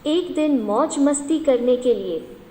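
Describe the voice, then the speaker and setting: A high-voiced Indian woman teacher reads questions aloud at a slow, deliberate dictation pace, saying each one more than once. Her voice rings with a long, echoey reverb, as if recorded in a large hard-walled room. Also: animated, warm tone. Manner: slow, repeats each question several times.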